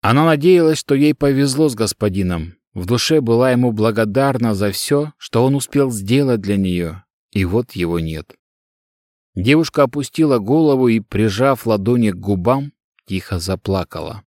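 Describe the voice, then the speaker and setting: Brief: man narrating an audiobook, even delivery, dry studio sound. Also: medium pitch, normal speed, no echo. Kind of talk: scripted narration.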